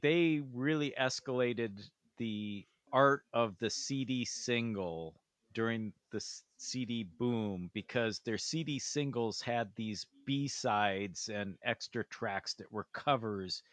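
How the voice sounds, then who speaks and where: A man guests on a casual music podcast, talking slowly and in a measured way about songs he loves. His pitch is middling, and the sound is dry and close. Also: a bit bright, no room sound.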